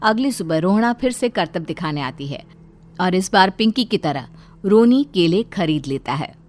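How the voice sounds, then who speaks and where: A woman's voice: lowish voice, lively intonation, moderate pace, a little mellow. A woman narrator reading a scripted children's story.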